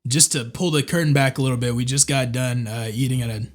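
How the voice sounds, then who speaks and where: A man's voice: mid-range voice, steady tone, fast. A man guesting on a casual podcast, easygoing and chatty, filling his talk with "you know" and "like".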